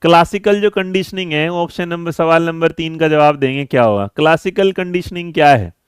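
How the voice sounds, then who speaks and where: The voice is a man's, on the high side and smooth, recorded as clean studio sound without echo. He teaches a live online exam-prep lesson, quizzing students and coaxing them along, calling them "beta" and "mere bachche." Mid-lesson he briskly reads and answers their chat messages.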